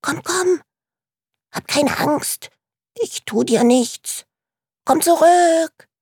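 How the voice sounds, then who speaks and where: A woman's voice: high-pitched, drawn-out words, darkish tone, no room sound, studio quality, voice pushed up, heavily acted. A woman voicing a small, lonely young male troll creature in a storybook reading, with an anxious, pleading manner.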